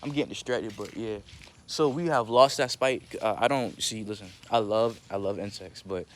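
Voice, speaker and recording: Speaking at a normal speed in a lowish voice, a young man rambles through a casual outdoor vlog, slangy and nonchalantly laid-back. He's a vlogger and amateur musician whose delivery is sometimes monotone, with slight background noise.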